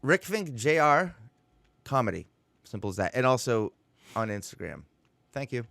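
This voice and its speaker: Animated, teasing male comedian co-host. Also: medium pitch, moderate pace, vocal fry, no echo. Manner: joking, teasing, bursts of laughter. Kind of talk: casual chat.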